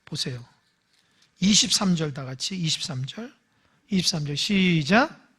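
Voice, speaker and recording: Lively high-pitched preaching man. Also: a little slow, breathy edge. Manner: emphatic preaching, swinging from loud calls to hushed asides; acts out quoted voices in dialogue. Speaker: pastor. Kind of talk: Sunday morning sermon.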